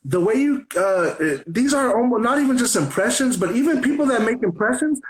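A man's voice: very high voice, animated, fairly quick, poor audio. A man in his thirties hosting a casual interview, talking loosely with many restarts and filler words. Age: 30s. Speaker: podcast host.

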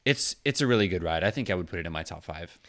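A man's voice: deep voice, lively intonation, fast talker, fairly bright tone. A man co-hosting a casual chat, playful and teasing. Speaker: podcast co-host.

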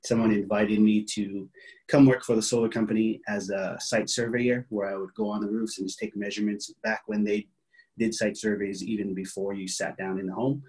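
A man's voice: fairly low pitch, level tone, brisk, a little mellow, poor audio. A man in his thirties from Hawaii, telling his story as an interview guest in an easygoing way with many fillers. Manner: easygoing storytelling with frequent "um" and "you know". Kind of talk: casual interview.

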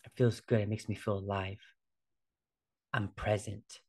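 A husky, fairly low-pitched man in his forties speaks at a measured pace with a flat delivery. He hosts a casual solo podcast as a fitness trainer, keeping it informal and conversational and often checking in with a "right?".

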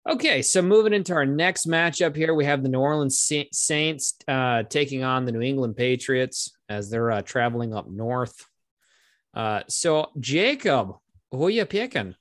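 A male podcast host in casual conversation, his voice sitting at an ordinary pitch. He steers the discussion and hands off to each co-host. The recording is close and dry, with no room sound. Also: normal speed, a bit bright, no room sound. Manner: leads the panel, calls on co-hosts.

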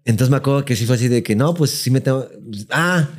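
A man with a Mexican accent, chatting casually as a podcast co-host, telling an animated story full of slang and acted-out quotes. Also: mid-range voice, fast talker. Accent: Mexican Spanish. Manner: animated, acts out quotes in raised voice, heavy slang.

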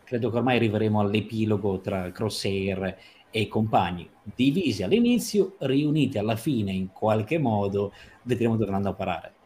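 A man with a somewhat low voice picks apart an episode on a livestream. He talks emphatically, drawing out some phrases and hurrying others. A faint noise sits under his voice. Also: moderate pace, warm tone. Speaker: series commentator.

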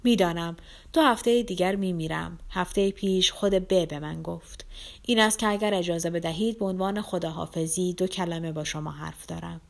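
A frail young man in a storybook reading, speaking low and hushed in a rough, near-whisper, as a woman reader plays him. He talks slowly and wearily. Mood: weary. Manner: quiet and slow. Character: gravely ill young man, weak, hoarse and ironic. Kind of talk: audiobook character reading.

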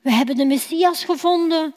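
A woman voicing an excited young male disciple in a children's Bible story. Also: high-pitched, heavily acted. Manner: enthusiastic, raised and quick. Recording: long church hall reverb.

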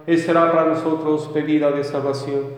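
Priest praying in cathedral echo. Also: male voice, fairly high pitch, level tone, brisk. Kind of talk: solemn liturgical recitation of prayers. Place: large reverberant church interior. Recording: cathedral-like echo with long reverberant tail.

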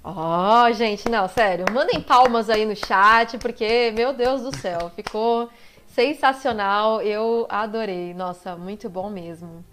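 A woman's voice: medium pitch, takes it slowly, fairly bright tone, a little hiss or hum. A young woman with a Brazilian Portuguese accent hosting a casual live-stream interview, enthusiastic and gushing, laughing often. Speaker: interview host.

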